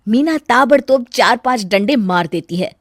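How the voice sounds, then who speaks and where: A woman's voice: a little high, animated, moderate pace, no room sound, clean studio sound. A woman narrating a cartoon story in plain storytelling fashion.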